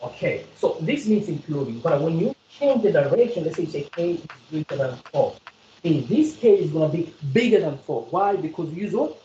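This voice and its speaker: A woman's voice: low-pitched, big pitch swings, fairly quick, warm tone, roomy sound, lo-fi sound, a little hiss or hum. A South African woman tutoring a student in maths one on one, repeating points and quizzing the student as she explains. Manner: repetitive, coaxing, quizzes the student.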